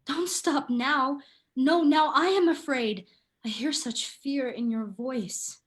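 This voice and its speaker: An actress playing a young princess daughter, speaking in a gentle, mournful way. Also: female voice, sits high, takes it slowly. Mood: anxious. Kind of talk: stage play reading.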